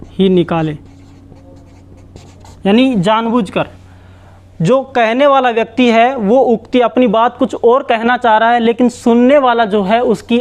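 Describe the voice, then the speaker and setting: Male teacher with a high voice, explaining a grammar lesson step by step and repeating himself. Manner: slow, repetitive explaining with many restarts. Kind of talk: Hindi grammar lesson at a board.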